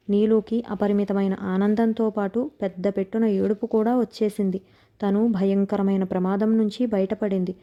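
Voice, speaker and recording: Woman reading a novel aloud, mellow and dull. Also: medium pitch. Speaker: audiobook narrator. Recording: dull lo-fi recording.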